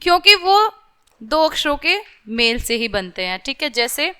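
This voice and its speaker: A young female teacher explains lessons to small children, sounding out letters slowly and checking over and over that they're keeping up. She mixes English words into her Hindi. Her voice is high and sing-song, with a bright, forceful tone.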